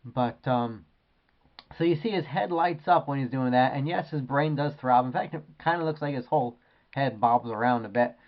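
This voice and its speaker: A man's voice: mid-range voice, normal speed, lo-fi sound. A man reviewing an action figure in a casual, rambling way with many hesitations. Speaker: toy collector reviewer.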